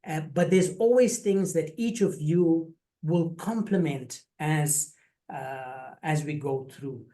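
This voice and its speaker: Over a video call, a faculty host runs an online info session in a chatty, jokey way, frequently repeating words as he goes. He speaks slowly, in a slightly high voice with a dark tone.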